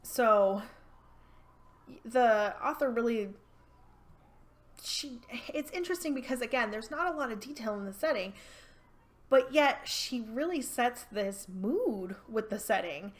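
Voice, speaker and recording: A woman's voice: a little high, lively intonation, a little slow, long pauses. Chatty woman reviewing books. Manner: chatty, rambling with restarts and fillers. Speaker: book reviewer. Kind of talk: casual book review vlog.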